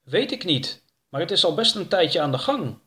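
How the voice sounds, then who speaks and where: A man's voice: fairly high pitch, sing-song, normal speed, bright, forceful tone, voice pushed up. A man voicing a careful, worried girl in a lightly raised voice.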